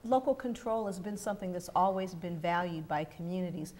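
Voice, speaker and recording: Calm, lecturing woman with a lowish voice. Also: a little fast. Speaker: university professor. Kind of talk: panel discussion. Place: TV studio set. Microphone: lapel.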